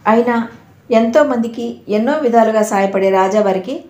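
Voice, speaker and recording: A woman's voice: fairly high pitch, normal speed, warm tone, close to an everyday voice. A woman voicing a polite, pleading male caller with a menacing edge, in a roomy echo. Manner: courteous, pleading on the phone. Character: polite but sinister male phone caller.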